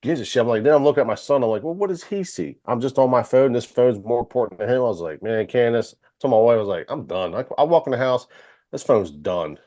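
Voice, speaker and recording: A man's voice: medium pitch, expressive, fast talker, warm tone, no echo. A man in his thirties in a casual podcast chat, laid-back and swearing, acting out his own thoughts as he tells them. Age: 30s.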